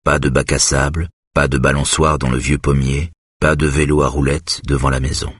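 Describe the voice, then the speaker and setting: A man narrating a tense first-person story in a measured way. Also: very deep voice, level tone, fairly bright tone, husky, no room sound, clean studio sound.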